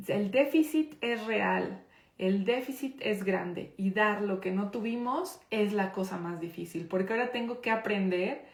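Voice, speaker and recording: Woman, Mexican accent, thirties, medium pitch, conversational instructor, roomy echo. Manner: conversational, slows down to stress points. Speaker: course instructor. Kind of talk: informal online class.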